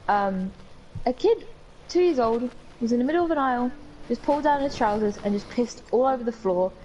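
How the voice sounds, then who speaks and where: A woman's voice: on the high side, expressive, a little fast, warm tone, lo-fi sound, a little hiss or hum. A young woman from the UK with a British accent, co-hosting a podcast and telling rambling stories in casual chat with some swearing. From United Kingdom. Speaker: podcast co-host.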